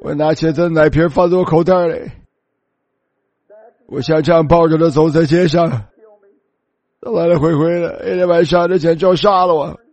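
High-voiced man preaching, tearful and pleading. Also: steady tone, moderate pace, pauses often, darkish tone. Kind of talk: sermon, personal testimony.

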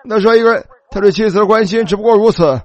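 A man's voice: high voice, quick pace, a little mellow, dull audio. A man preaching a sermon, telling the story animatedly and calling out hallelujah.

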